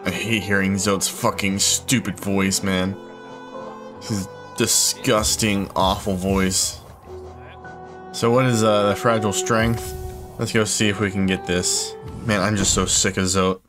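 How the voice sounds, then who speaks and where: A man swears his way through a game with exasperated, comic rants. His voice sits low, and clear game music plays behind him. He riffs casually to his viewers. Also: steady tone, unhurried. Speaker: gamer playing through a game. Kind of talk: casual let's play commentary.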